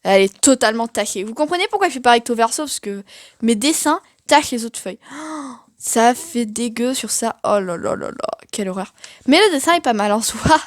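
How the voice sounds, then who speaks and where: A woman's voice: on the high side, animated, moderate pace, no echo, studio quality. A young woman giving a casual, chatty tour of her sketchbook, self-mocking and full of fillers. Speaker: art vlogger.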